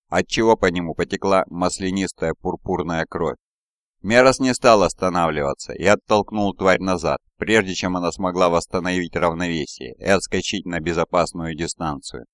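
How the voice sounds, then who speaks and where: A man reading an audiobook in a measured, dramatic narration style, on a close mic. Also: low-pitched, clear, resonant tone, no echo.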